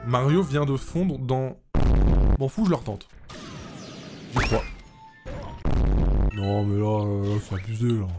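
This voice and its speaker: A man's voice: medium pitch, unhurried, pauses often. A man giving casual, joking gameplay commentary as a let's play host, swearing freely. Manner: animated, jokey, swears freely. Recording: loud game music behind.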